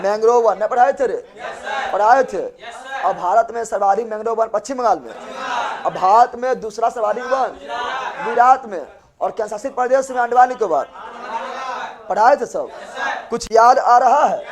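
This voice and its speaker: A male teacher runs a lively classroom lesson, drilling facts through call-and-response and teasing his students. His voice sits high for a man. He talks loudly and keeps repeating key words for the class to echo. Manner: loud, repetitive, joking and teasing with students.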